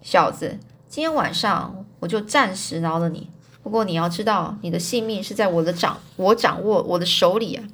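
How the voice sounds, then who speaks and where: A woman's voice: lowish voice, lively intonation, moderate pace, breathy edge. A woman voicing a hot-tempered male gang thug who blusters and threatens. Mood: menacing. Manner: menacing, blustering.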